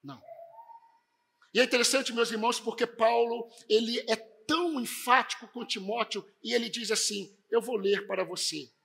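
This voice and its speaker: A man delivers an emphatic church sermon, his high voice gravelly and strained. The tone is bright and sharp, with a husky edge. He swings his intonation from hushed to forceful. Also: steady tone, moderate pace, hardly any pauses. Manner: emphatic preaching, varied intonation. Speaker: pastor.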